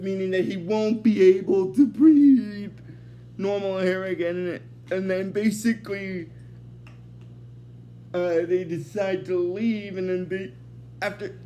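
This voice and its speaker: Man, high voice, casual episode recap, rambling, says "basically" a lot, faint background hiss. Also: steady tone, unhurried, mellow. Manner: rambling, leans heavily on "basically" and restarts. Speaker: host of an episode recap series.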